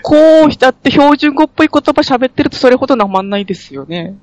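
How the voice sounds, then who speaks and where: High-voiced man with a Fukushima accent. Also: lively intonation, fast talker, dry recording. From Fukushima, Japan. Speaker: podcast guest. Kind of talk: casual podcast chat.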